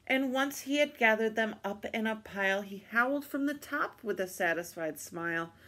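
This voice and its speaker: A woman reading picture books aloud at storytime, in a slow, expressive, playful way. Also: on the high side. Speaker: storytime reader.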